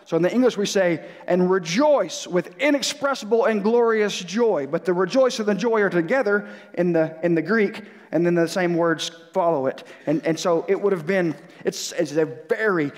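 A fairly high-pitched man preaching in a church, his voice carrying a long reverb through the hall. He talks in an earnest, conversational way that keeps restarting and building up steam, and he sounds a bit stuffed up from a cold. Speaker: pastor. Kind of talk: sermon. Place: church sanctuary.

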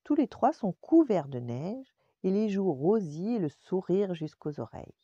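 An older woman, a grandmother, reading a bedtime story aloud with expressive storytelling. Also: medium pitch, unhurried, slightly rough, no echo, lo-fi sound.

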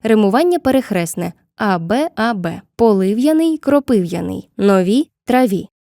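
A woman narrating a scripted literature lesson with clear, measured explanations, slowing down to read poem lines. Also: medium pitch, animated, dark tone, dry recording, clean studio sound. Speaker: teacher.

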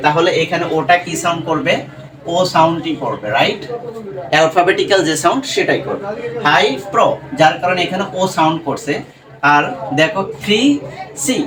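A man teaching English pronunciation, patiently breaking words apart slowly and asking his students questions. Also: on the high side, fairly bright tone, slight background noise. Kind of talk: classroom lesson explaining English pronunciation. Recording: echoey room, voice from far off.

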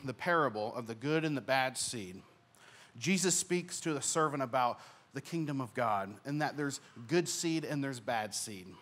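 A young man preaching a sermon on a church stage, speaking earnestly into a handheld mic, rising in volume on key points and dropping soft at the ends of phrases. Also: mid-range voice. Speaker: pastor.

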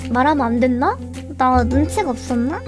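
A young woman streaming live, chatting with her viewers in a flustered, excitable rush of protests. Her voice sits very high and leaps all over the place. Clear background music plays beneath her words. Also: normal speed. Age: 20s. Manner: animated, flustered and protesting, shouting and laughing. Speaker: livestreamer. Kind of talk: casual chat with viewers. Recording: music playing behind the voice.

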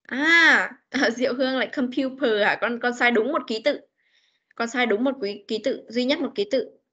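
A Northern Vietnamese woman teaching children over a video call, her high voice bright as she coaxes answers and repeats each question. She spells words out letter by letter. The sound is dull and lo-fi, like a meeting recording. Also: normal speed, slightly rough. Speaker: English teacher. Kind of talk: online class teaching.

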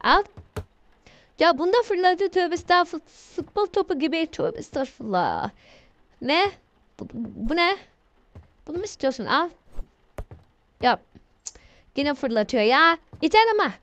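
High-voiced jumpy woman gamer. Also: very animated, measured pace, pauses often, a bit bright, highs cut off. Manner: jumpy, shrieking exclamations when scared. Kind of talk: horror game commentary.

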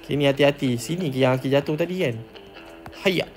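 A man with a Malaysian Malay accent hosting a game channel, giving excited, playful commentary on an obby run and calling himself by name. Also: fairly high pitch, fast talker. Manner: playful, refers to himself in third person. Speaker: gaming channel host. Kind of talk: excited Roblox let's-play commentary. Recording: light background music.

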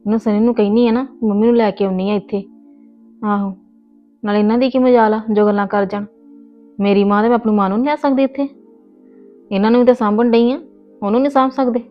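Playing a stubborn, argumentative young married woman in a scripted family skit, a woman with a fairly high, everyday-sounding voice scolds and insists, her voice rising. She keeps a steady tone at a quick pace with long pauses. The audio is dull with soft music underneath, and the mood is soothing but scolding.

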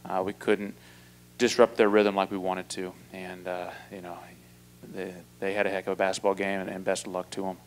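In an indoor press room, a basketball head coach in his 40s speaks into a table mic after the game, with slight background noise. His low-ish voice barely moves in pitch, and his measured, flat answers halt with fillers and restarts.

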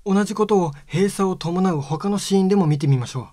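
A man giving a scripted lesson on speech sounds, explaining step by step in a calm, polite way. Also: high-pitched, brisk, no room sound, clean studio sound. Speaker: phonetics teacher.

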